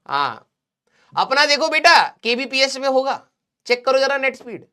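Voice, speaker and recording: A man's voice: very high-pitched, big pitch swings, moderate pace, pushed and bright, clean tone. A young man teaching a live online physics class in a chatty, joking way, teasing his students. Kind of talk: casual live class lecture.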